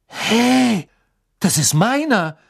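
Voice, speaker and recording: A man's voice: extremely high pitch, big pitch swings, extremely slow, creaky, no echo, studio quality, pitched above the performer's own voice, exaggerated voice. A man voicing an earnest teenage boy wizard who insists on what he knows. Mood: insistent.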